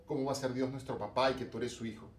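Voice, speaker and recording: A man from Lima, speaking with a Peruvian coastal accent, teaches religion in an online class lecture, using many rhetorical questions and filler words. His voice is medium-pitched and steady, and he talks very fast. He sits far from the mic in an echoey room, with slight background noise.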